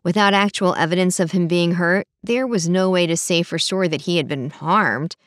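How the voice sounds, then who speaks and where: A woman voicing a calm, measured male police officer in an audiobook. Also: lowish voice, no room sound, clean studio sound, close to an everyday voice.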